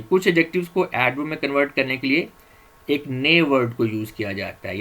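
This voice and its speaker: A man's voice: mid-range voice, fairly bright tone, poor audio. A man teaching English vocabulary, reading word lists aloud and glossing each word with its meanings, with small fillers and self-corrections. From Pakistan. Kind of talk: slide-based vocabulary lecture.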